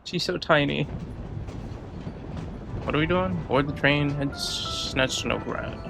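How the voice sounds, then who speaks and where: A video game streamer with a slightly high voice and vocal fry speaks slowly, giving casual, reactive commentary as he plays. He swears and talks to himself over game music.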